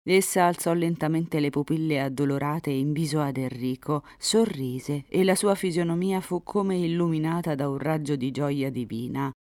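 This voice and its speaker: A woman narrating a classic novel as an audiobook. Her voice is low and warm, her reading steady and measured. The recording is dry and close. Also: no echo.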